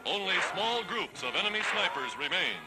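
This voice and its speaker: High-voiced man narrating an old newsreel. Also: big pitch swings, normal speed, poor audio. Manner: declamatory, stirring, triumphant. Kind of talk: 1940s wartime newsreel narration. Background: loud music.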